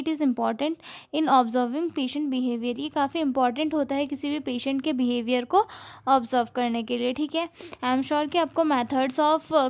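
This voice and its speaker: A woman teaching nursing students. She reads English notes slowly, explains each point, and often pauses on fillers to check understanding. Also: sits high, darkish tone. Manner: reads English note lines slowly, then explains them, saying "ठीक है" often. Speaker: nursing tutor. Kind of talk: explanatory lecture mixing Hindi and English.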